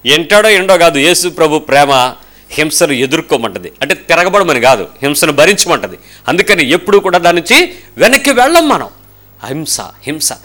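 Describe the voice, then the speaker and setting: Male pastor, lively sermon delivery, bright and slightly high voice, plays the people in his stories. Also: moderate pace. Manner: animated, rhetorical questions, mimics voices.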